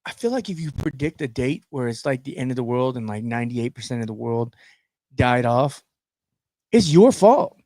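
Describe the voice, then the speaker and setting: A man co-hosting a podcast in casual chat, crude and joking, often bursting into loud laughter. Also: mid-range voice, animated, normal speed, no room sound. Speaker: podcast co-host.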